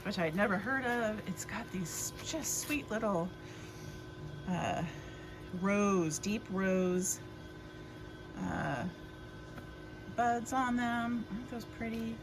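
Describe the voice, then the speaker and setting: A woman's voice: medium pitch, lively intonation, takes it slowly, pauses often, background noise. A woman chatting casually as she works in her garden outdoors, rambling with plenty of fillers. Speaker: garden vlogger. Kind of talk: casual chat.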